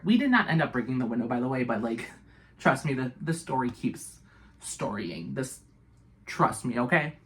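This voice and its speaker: A young woman with a notably low voice, telling a wild storytime in a loose, profane, dramatic way. She piles on fillers and asides as she goes. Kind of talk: casual storytime.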